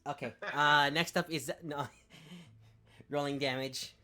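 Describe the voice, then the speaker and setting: A woman's voice: deep voice, fairly even intonation, slow, sharp tone, faint music behind. A woman running a tabletop game as game master, playful and often laughing.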